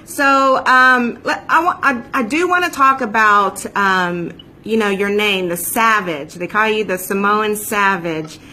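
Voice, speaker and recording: A woman's voice: mid-range voice, measured pace, few pauses, pushed and bright. A woman hosting a casual live-streamed interview, chatty and upbeat, with many filler ums. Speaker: host.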